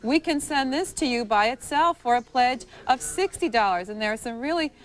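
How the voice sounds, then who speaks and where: Female pledge drive host, high-pitched, chatty live fundraising delivery, ad-libbed. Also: expressive, normal speed.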